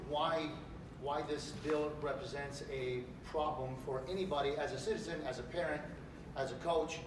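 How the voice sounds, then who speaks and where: A middle-aged man from Romania, a political candidate giving an animated campaign speech in a large hotel meeting room. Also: fairly high pitch. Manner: animated, gesturing while speaking. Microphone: far camera. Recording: echoey room, distant mic, background noise.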